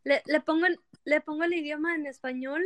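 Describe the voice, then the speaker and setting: A woman's voice: high-pitched, fairly even intonation, brisk, no echo. A woman hosting a casual Spanglish podcast, speaking hesitantly and restarting her phrases as she goes. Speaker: podcast host.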